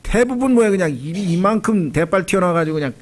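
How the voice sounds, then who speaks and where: Korean man preaching in a lively conversational way. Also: high-pitched, fast. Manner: conversational preaching, acting out prayers and quoted voices. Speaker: pastor. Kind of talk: sermon.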